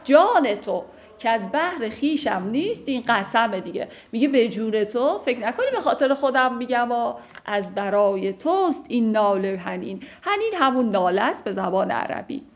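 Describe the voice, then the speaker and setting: Woman reciting verse and explaining it. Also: a little high. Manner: lively, explanatory, glosses old words in everyday speech. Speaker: teacher explaining classical poetry.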